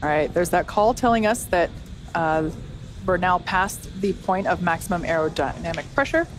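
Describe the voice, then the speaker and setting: A woman's voice: lowish voice, expressive, moderate pace. A woman hosting a launch webcast, giving conversational, explanatory live commentary. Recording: faint background noise.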